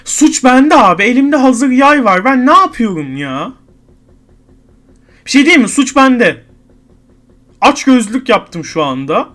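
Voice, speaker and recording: A man's voice: very high-pitched, sing-song, a little slow, pauses often, fairly bright tone. A man giving gameplay commentary at his computer, counting numbers under his breath and grumbling in frustration at an item. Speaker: online game streamer.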